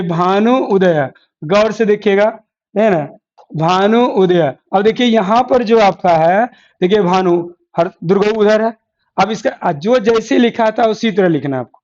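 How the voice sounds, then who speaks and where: The recording is a dull lo-fi capture of a classroom, where a man with a high, somewhat mellow voice runs an exam-prep lecture. Using board examples, he keeps repeating key terms and asks the class questions that he ends up answering himself.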